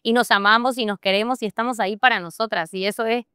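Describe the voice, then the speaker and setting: A young Bolivian woman with a Santa Cruz accent, a podcast guest telling a personal story in an animated way and laughing often. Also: fairly high pitch, fast, smooth, no echo, clean studio sound. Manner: animated, laughs often, acts out her own past thoughts. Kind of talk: personal storytelling in a casual interview.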